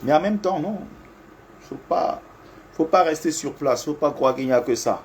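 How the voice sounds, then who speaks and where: A man's voice: fairly high pitch, moderate pace, a little hiss or hum. A man, a security agent, talking casually and animatedly to viewers from an office. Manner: animated, repetitive, addresses viewers directly. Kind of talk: casual talk to camera. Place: air-conditioned office.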